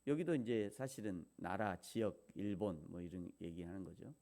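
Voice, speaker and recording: A man's voice: low-pitched, lively intonation, moderate pace, dark tone. A man pastor giving a morning devotional sermon, speaking in a conversational way with fillers and rhetorical questions.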